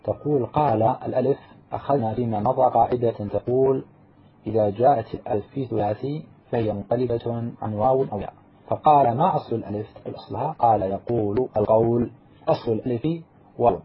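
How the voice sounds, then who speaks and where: A man's voice: medium pitch, slight background noise. A man teaching a grammar lesson, explaining each rule step by step and answering his own questions. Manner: spells out example words slowly. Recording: muffled lo-fi recording.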